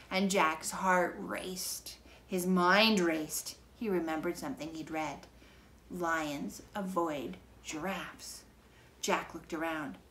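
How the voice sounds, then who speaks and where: A middle-aged woman reads a children's book aloud in a fairly low, slightly bright voice, her narration measured, dramatic and expressive. She's recorded in a living room by a camera a few feet away, with clear background noise.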